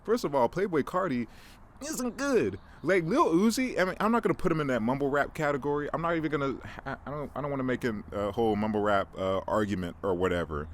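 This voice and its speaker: A man talks through a casual podcast rant, outdoors in the cold. His pitch jumps widely as he rambles, restarting sentences and tripping over words. His voice sits in a middle register. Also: quick pace, slight background noise. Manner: rambling, animated, stumbling restarts. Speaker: podcast host.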